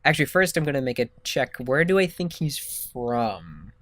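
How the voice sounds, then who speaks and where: A man playing a tabletop game, chatty and given to halting restarts. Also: medium pitch, sing-song, a bit bright, dry recording. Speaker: player.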